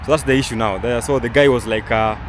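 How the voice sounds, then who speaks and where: Speaking fast in a steady, medium-pitched tone, this young adult travel vlogger from Kenya chats casually outside. His talk wanders with lots of fillers and false starts, and traffic can be heard behind him.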